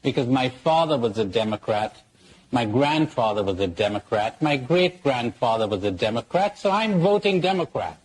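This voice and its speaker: A man's voice: mid-range voice, lively intonation, normal speed, natural voice, poor audio. A man voicing a stubborn male voter in a joke, matter-of-fact as he recites his family tradition. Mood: earnest.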